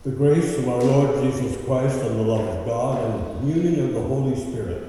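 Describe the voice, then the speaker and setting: A man in his thirties, leading a church service with a liturgical greeting and prayer, measured and solemn. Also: mid-range voice, warm tone. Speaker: priest leading worship. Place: large church. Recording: echoey church hall from far off.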